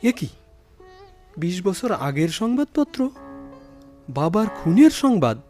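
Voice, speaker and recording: A man's voice: sits high, sing-song, slow, darkish tone, exaggerated voice. An actor playing an earnest, troubled young son devoted to his mother, in theatrical old radio show drama delivery over music. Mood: puzzled, brooding. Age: young adult.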